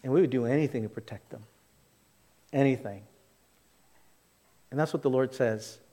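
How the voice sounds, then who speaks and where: Warm, medium-pitched and moderately paced, a man preaches from the pulpit as a pastor, working through scripture in expository fashion. He sounds conversational yet emphatic, circling back on phrases and questioning his audience rhetorically. The recording carries the long echo of a reverberant hall.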